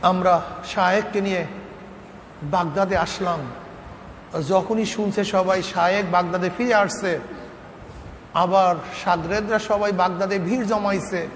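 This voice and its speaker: A man preaching an emotional sermon, telling a story with rising, near-shouted, sing-song passion. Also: high voice, fairly even intonation, a little slow, pauses often, a little hiss or hum. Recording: long hall reverb with faint ambience.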